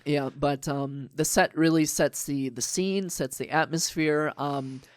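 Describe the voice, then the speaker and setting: A man's voice: a little high, steady tone, a little slow, no echo. Eager young man chatting, dry sound. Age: young adult. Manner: eager, rambling, full of fillers. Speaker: podcast guest. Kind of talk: casual podcast chat.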